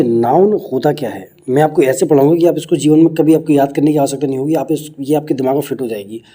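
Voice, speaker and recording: Dark-voiced Hindi-accented male teacher. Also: medium pitch. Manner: explains step by step with rhetorical questions. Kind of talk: exam-prep grammar lesson.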